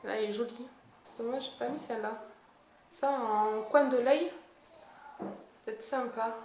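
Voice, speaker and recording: A woman's voice: on the high side, normal speed, darkish tone, slight background noise. A woman chatting casually through a makeup product review, hesitant and self-deprecating, often searching for words. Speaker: beauty vlogger. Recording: echoey room.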